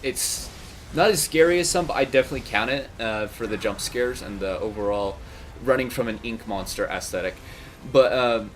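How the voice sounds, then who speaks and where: A man's voice: medium pitch, normal speed, fairly bright tone, a little hiss or hum. A man co-hosting a casual podcast chat, leading the talk with rambling questions. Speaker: co-host.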